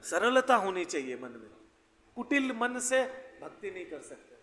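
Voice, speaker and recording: High-voiced man preaching in an echoey hall. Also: sing-song, measured pace, a bit bright. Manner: conversational, anecdotal, wry. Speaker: preacher giving scripture class. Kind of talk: devotional lecture. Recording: echoey hall with faint ambience.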